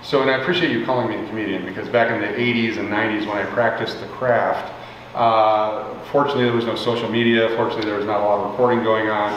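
A man's voice: fairly low pitch, steady tone, fast, a bit bright. Older man interviewing in an echoey hall. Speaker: interviewer, former comedian. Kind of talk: casual stage interview. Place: indoor theater stage. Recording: echoey hall, distant, dull, faint noise.

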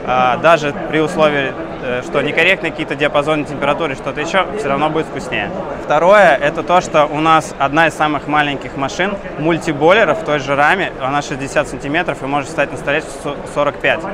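A man's voice: fairly high pitch, steady tone, quick pace, poor audio. Man explaining a coffee machine. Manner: explains at length with fillers. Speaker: coffee machine maker representative. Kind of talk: technical product explanation. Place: crowded indoor expo hall. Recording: crowd noise behind.

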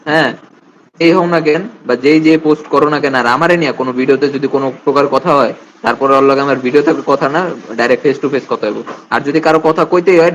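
A man's voice: on the high side, slight background noise, rough recording. A young man, speaking on a live stream in a stern, blunt, warning manner.

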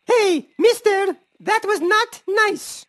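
A woman's voice: very high voice, slow pace, background noise. A woman voicing a bossy, earnest and indignant cartoon lady bird who likes to scold. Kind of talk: cartoon character acting.

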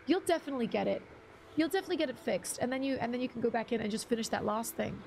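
With a slightly high, creaky and darkish voice, a young woman talks rapid-fire as she streams a game, and a little hiss or hum is audible. Half English, half Bruneian, she greets viewers casually and reads chat out loud with plenty of ums.

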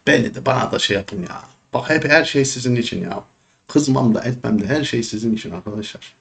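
A man teaching history for an exam, ranting and joking in an animated, casual way, sometimes slipping into a Çorum dialect. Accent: Turkish, Çorum dialect slips. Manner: animated, joking, rants and jumps high when worked up. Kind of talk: exam prep lesson with casual rants.

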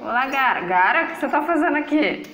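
Excitable Brazilian woman streaming a game. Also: high voice, fast, noisy background. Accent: Brazilian Portuguese. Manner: excitable, laughs often, chatters to viewers and the game. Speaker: livestreamer. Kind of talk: live gameplay commentary. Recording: roomy echo with game music.

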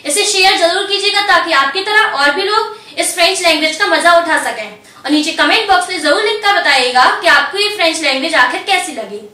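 A woman with a very high, bright voice teaches a step-by-step language lesson, slow and patient, repeating each letter. She sits a little back from the mic in an echoey room. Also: animated, recorded from a distance.

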